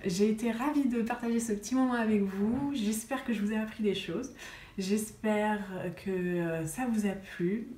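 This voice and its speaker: A woman's voice: mid-range voice, normal speed, mellow. A woman vlogging about wellness in a casual chat to the camera, chatty and full of hesitations. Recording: roomy sound with faint noise.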